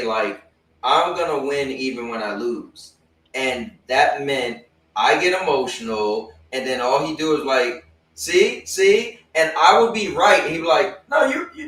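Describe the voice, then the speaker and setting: A man hosting a casual talk show, telling animated stories and acting out other people's lines. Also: mid-range voice, reverberant, recorded from a distance, rough recording. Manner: animated storyteller, acts out friends' lines. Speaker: host. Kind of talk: casual chat.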